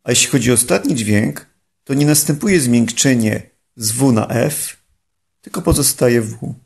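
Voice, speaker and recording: Male language teacher, scripted, measured delivery, some fry and a raspy edge. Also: mid-range voice. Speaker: English pronunciation teacher. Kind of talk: scripted instructional narration.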